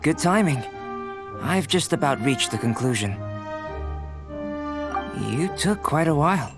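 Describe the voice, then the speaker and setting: An actor playing a calm, reserved young alchemist in a video game, speaking in a measured, formal, contemplative way. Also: male voice, a little high, music in the background. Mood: composed, explanatory. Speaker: game character.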